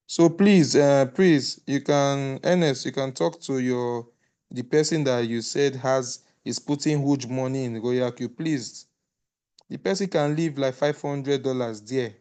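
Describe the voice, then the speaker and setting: A man with a smooth, resonant voice guides the call to a close. He speaks hesitantly, pausing on "uh" and restarting his sentences while he gives earnest advice. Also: medium pitch, a little mellow. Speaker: call moderator. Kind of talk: casual group call, closing remarks.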